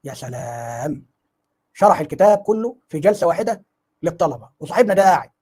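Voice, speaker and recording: A man's voice: high voice, very fast, a little mellow, breathy edge. A man with an Egyptian Arabic accent giving mocking online commentary, full of sarcasm and rhetorical questions.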